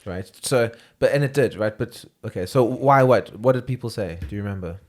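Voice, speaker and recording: A man's voice: on the low side, a little fast. A man co-hosting a comedy podcast, telling stories in a rambling way with frequent laughs and swearing. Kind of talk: casual banter.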